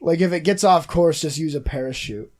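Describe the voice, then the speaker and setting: A man's voice: on the high side, brisk, a little mellow. A man in casual podcast chat who chimes in with short quips and laughs.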